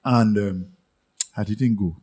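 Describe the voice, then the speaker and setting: A man's voice: on the low side, fairly even intonation, slow, warm tone, husky. A man, bantering and joking in a casual podcast chat.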